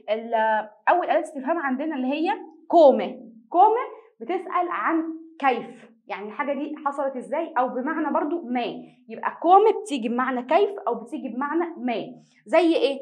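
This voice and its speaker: A young woman with an Egyptian accent teaches an online language lesson. Her voice sits high and she talks fast. She often poses a question to the class and then answers it herself. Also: darkish tone. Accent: Egyptian Arabic. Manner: repeats each word twice slowly for students.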